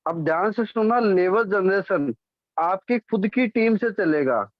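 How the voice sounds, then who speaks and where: High-voiced man explaining a plan. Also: animated, a little slow, no echo. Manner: repeats "ठीक है?" to check on listeners, corrects himself often. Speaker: presenter explaining a business plan. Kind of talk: explanatory presentation. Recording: dull, dry lo-fi sound.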